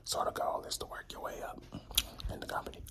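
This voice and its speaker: A man whispering a rambling, slangy, informal ASMR talk while chewing gum, with mouth sounds. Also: fast. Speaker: ASMR creator.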